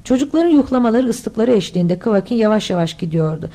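A woman's voice: a little high, expressive, fairly quick, warm tone. A woman reading a children's adventure novel aloud as an audiobook, voicing all the characters herself. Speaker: audiobook reader. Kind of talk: scripted audiobook narration.

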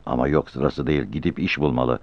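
A man narrating a novel in a calm, expressive storytelling voice. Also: a bass voice, brisk, no echo. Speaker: audiobook narrator. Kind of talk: literary narration. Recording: slightly muffled dry recording.

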